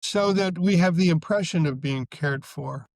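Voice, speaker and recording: A man's voice: fairly high pitch, normal speed, dry recording. Thoughtful man, dry close sound. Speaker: psychotherapist guest. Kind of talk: casual podcast conversation.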